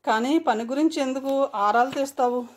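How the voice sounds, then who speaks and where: A woman's voice: high voice, moderate pace. A woman voicing a distressed young woman guarding a secret from her brother in an audiobook reading. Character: grieving young woman, protective older sister.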